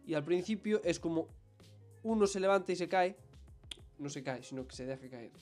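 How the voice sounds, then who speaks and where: A young man co-hosting a podcast, voice sitting a little high as he tells an anecdote with animated energy. He is talking casually with his friend. Soft music plays faintly behind him. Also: moderate pace. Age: young adult. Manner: animated storytelling, self-conscious about his accent. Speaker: podcast co-host. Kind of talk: casual chat.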